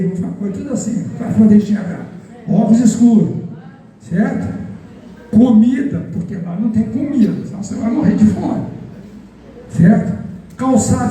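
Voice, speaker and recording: Brazilian male psychoanalyst, high-pitched, mellow voice, playful lecturer quizzing the crowd. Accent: Brazilian Portuguese. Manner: playful, joking, questions the audience. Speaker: psychoanalyst giving a public talk. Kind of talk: interactive lecture with guided imagery. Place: event hall with audience. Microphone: recorded from a distance. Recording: echoey hall from far off.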